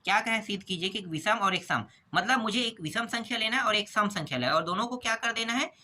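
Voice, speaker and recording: A man teaching maths and walking through exam problems step by step. He keeps posing quick questions and answering them himself, checking in with a repeated "okay?". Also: sits high, animated, pushed and bright.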